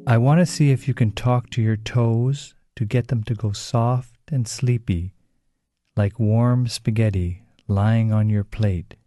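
A man gently leading children through a slow, soothing guided relaxation exercise. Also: on the low side, fairly even intonation, dry recording.

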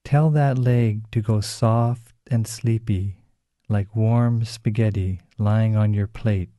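A man gently leading children through a slow, soothing guided relaxation exercise. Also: lowish voice, fairly even intonation, background noise.

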